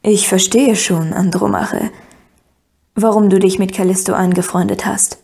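A woman reading an audiobook, voicing a bearded warrior prince who speaks slowly and with amusement. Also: mid-range voice, little pitch movement, creaky, a little mellow, lightly acted. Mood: amused.

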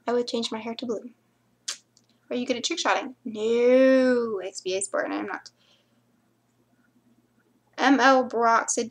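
A young woman chatting casually to camera, answering viewer questions and rambling into mumbled asides. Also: on the high side.

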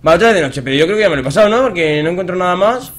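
A young man with a Spain Spanish accent giving gameplay commentary, excitable and repeating phrases as he swings between muttering and shouting. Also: high voice, rapid-fire, slight background noise. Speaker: gaming youtuber.

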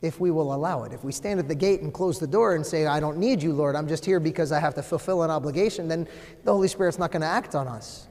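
A man preaches in a big sanctuary, his fairly high voice ringing with long church reverb. He is animated, swinging between loud emphasis and a near-whisper. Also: quick pace. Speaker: priest. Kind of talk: sermon. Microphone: far camera, no visible mic.

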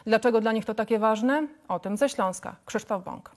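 Higher-voiced female news anchor. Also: moderate pace. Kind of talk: scripted studio news introduction. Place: TV studio.

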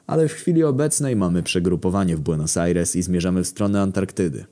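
A man's voice: sits low, animated, fast, warm tone. A man reading a scripted comic story in first person, dry and matter-of-fact with mock-heroic swagger. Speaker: story narrator.

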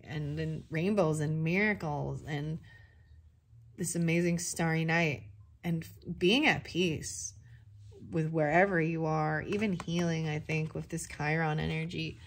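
A young woman giving a casual tarot reading, thinking aloud and often breaking into excited exclamations. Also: sits low. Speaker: tarot reader.

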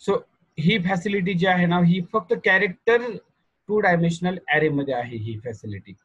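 A male programming teacher with a Marathi accent giving an online class over a video call, quizzing students and dictating notes slowly. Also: high voice, fairly bright tone, slightly rough, no echo, highs cut off.

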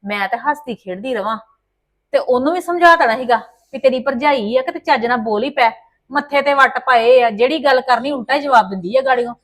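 A woman playing a complaining, sharp-tongued daughter-in-law in a family drama. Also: sits high, a little fast, close to an everyday voice. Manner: complaining, sarcastic, mutters asides.

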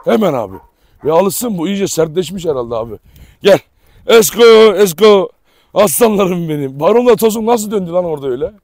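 A man whose voice sits high talks fast and animatedly as he films at his dog farm, making casual commentary for viewers and calling out affectionate commands to the barking dogs behind him. The sound is clean and studio-like, with no room sound.

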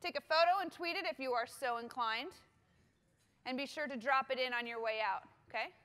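Upbeat woman running a workshop, bright voice, echoey big hall. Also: sits high, a little fast. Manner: upbeat, directive, checks in with "okay?". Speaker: conference workshop facilitator. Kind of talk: giving instructions to a conference audience. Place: large conference hall stage. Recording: reverberant conference hall.

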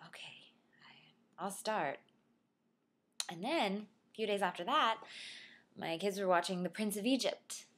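A woman comedian telling a playful family story in an animated stand-up style. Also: mid-range voice.

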